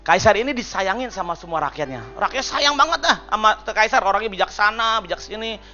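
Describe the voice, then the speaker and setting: High-voiced, chatty preacher. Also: male voice, a little fast, dull audio, faint music behind. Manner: lively, chatty, jokes and asks the congregation. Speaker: pastor. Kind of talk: sermon.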